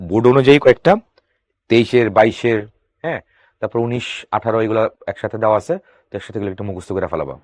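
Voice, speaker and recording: A man teaching English for exams, asking his students quick questions and answering them himself. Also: medium pitch, no room sound. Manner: reads English sentences slowly, then explains. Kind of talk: exam-prep grammar lesson.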